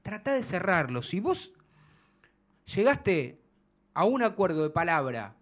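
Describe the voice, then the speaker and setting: A man's voice: sits high, big pitch swings, measured pace. A man with an Argentine Spanish accent hosting a football talk show, arguing his points emphatically and acting out quotes. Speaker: radio sports show host.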